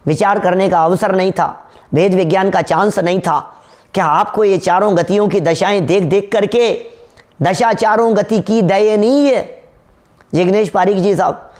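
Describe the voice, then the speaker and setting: Male preacher, high voice, slow unhurried sermon, rhetorical questions to the audience. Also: darkish tone. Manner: rhetorical, questions the audience, sings verses slowly. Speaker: Jain preacher. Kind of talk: devotional sermon with sung verses.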